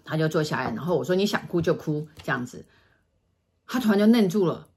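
A middle-aged woman, telling a story in casual chat and acting out quoted lines in a hushed voice. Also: low-pitched, expressive, quick pace, slight background noise. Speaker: feng shui consultant telling stories.

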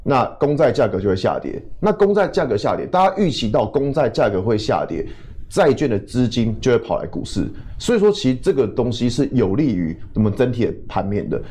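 A man's voice: medium pitch, sing-song, fairly quick, warm tone. A man with a Taiwanese accent giving informal market commentary as a guest analyst, often asking questions and answering them himself.

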